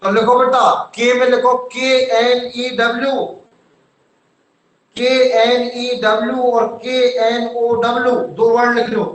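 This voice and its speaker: A male teacher talks very slowly in a strikingly high voice. He spells each word out letter by letter, patiently, like he's dictating to a class. The sound echoes as if he's in a bare room. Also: little pitch movement, a little hiss or hum. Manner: slow, spells words letter by letter, calls students "beta". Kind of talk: online class lesson.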